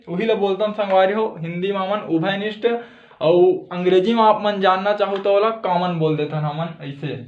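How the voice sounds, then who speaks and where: A man's voice: high-pitched, roomy sound, lo-fi sound. A man with a Chhattisgarhi accent teaching a step-by-step math lesson, often checking in with "thik hai".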